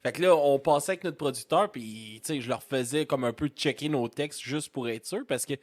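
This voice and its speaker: A man with a Québécois accent hosting a casual podcast chat, animated and quick to swear and laugh. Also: medium pitch, no room sound. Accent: Québécois French. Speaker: podcast host.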